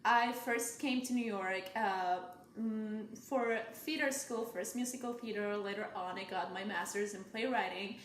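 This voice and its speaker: A woman's voice: medium pitch, measured pace, few pauses, slight background noise. A woman from Mexico, a playwright and actor, speaking thoughtfully in a documentary interview. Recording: roomy with guitar music. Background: guitar music.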